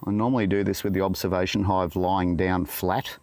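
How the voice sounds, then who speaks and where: This middle-aged Australian beekeeper has a deep, slightly mellow voice, fairly even in intonation and a little fast. Working in an outdoor garden, he mutters self-deprecating asides in a casual talk to a camera set on a tripod.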